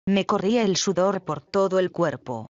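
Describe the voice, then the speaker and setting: A reader voicing a sharp-tongued older woman servant in a dramatic play reading, speaking bluntly and mockingly. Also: medium pitch, expressive, normal speed, no echo, natural voice. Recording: dull, lo-fi, dry.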